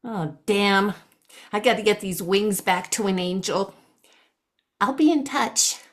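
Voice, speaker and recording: A woman's voice: medium pitch, takes it slowly, natural voice. A woman playing a chatty, meddling Tooth Fairy in an improvised comic scene, over a video call. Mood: earnest. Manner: chatty, gossipy, nosy.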